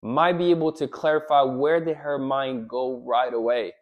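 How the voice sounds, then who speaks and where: A man giving relationship advice straight to the camera, animated, often checking in with "right?" and acting out what a wife might say. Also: mid-range voice, moderate pace, phone-quality sound. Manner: animated, repeats "right?", acts out quoted lines. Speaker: relationship coach. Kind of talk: direct-to-camera advice talk.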